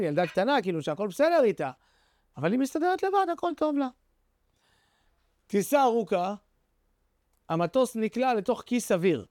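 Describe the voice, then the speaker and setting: A man delivers a sermon as an animated storyteller, his voice sitting high for a man. He rises into excited phrases and drops into soft, low ones. The sound is dry and close, with no room echo. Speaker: preacher.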